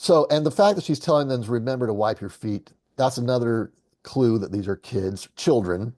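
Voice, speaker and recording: A man's voice: mid-range voice, animated, moderate pace, warm tone. A man from the Southern United States giving a casual, digressive lesson, often correcting himself and swearing now and then. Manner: chatty, digressive, self-correcting, occasional swearing. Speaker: host and English teacher.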